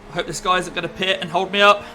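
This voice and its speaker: A man's voice: sits high, steady tone, fast talker, pushed and bright, rough recording. A man chattily thinking aloud as he gives casual running commentary while driving in a racing game. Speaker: sim racing driver and commentator. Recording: clear car engine noise behind. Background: racing car engine.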